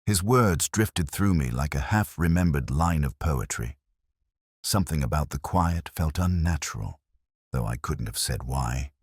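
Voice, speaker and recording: A man narrates a literary detective story in the first person, measured, brooding, and formal. His voice is extremely low and husky, captured in a dry, studio-quality recording.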